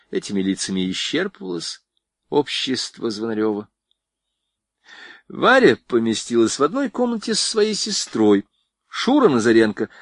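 A man's voice: mid-range voice, no echo, clean studio sound. A man narrating a novel expressively as an audiobook reader. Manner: expressive, varied voicing. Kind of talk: scripted narration.

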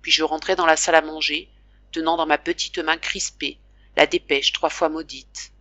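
A woman reading a classic novel aloud as audiobook narrator, in a slow, emotive, dramatic manner. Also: low voice, flat delivery, bright, forceful tone, no room sound, highs cut off. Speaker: audiobook reader.

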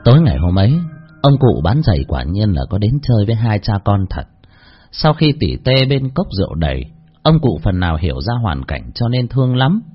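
A man narrating a story in an expressive, emotional way. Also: lowish voice, fairly quick, slightly rough. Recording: dull lo-fi with faint music.

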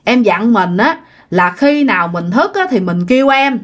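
A woman's voice: fairly high pitch, animated, moderate pace. Brief: woman doing a fretful young Southern Vietnamese village wife, anxious questioning tone. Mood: complaining. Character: startled young village wife, sleepy, then frightened.

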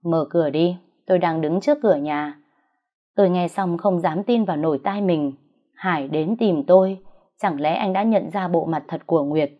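A woman narrating a first-person audio drama story with a dramatic, emotional reading. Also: fairly low pitch. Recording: dull lo-fi recording.

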